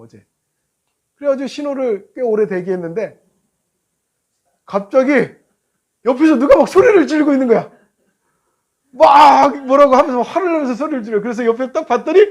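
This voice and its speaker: A male pastor giving a sermon, telling a road-rage story in an animated way and acting out both drivers. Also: extremely high pitch, normal speed, long pauses.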